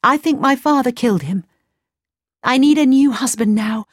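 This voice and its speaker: A woman voicing a young princess in a storybook reading, with a high, emphatic voice. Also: normal speed, dry recording, studio quality. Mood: eager. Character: young princess, bright and eager.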